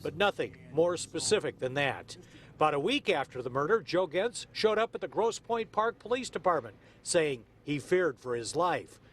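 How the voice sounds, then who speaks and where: High-voiced American male TV reporter. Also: very animated, normal speed, fairly bright tone. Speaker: TV news field reporter. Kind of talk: live news report. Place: outdoors downtown, live shot. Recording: faint outdoor street noise.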